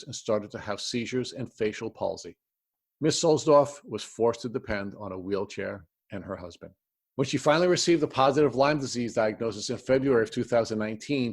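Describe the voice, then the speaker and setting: A man hosts a podcast interview in an even, middle-pitched voice. He opens with a formal introduction of the guest that he reads out, then moves on to asking her questions. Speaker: podcast host.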